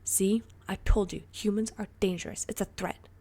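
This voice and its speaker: A woman's voice: lowish voice, steady tone, moderate pace, vocal fry, darkish tone, slightly rough. A woman voicing a stiff, distrustful teenage boy borrower who speaks in a clipped, defensive way in a storybook reading. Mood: wary, defensive.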